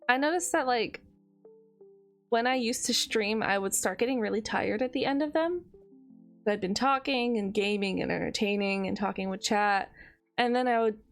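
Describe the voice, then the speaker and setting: A woman streamer chatting casually to her viewers, rambling with frequent laughs and a tired edge. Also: mid-range voice.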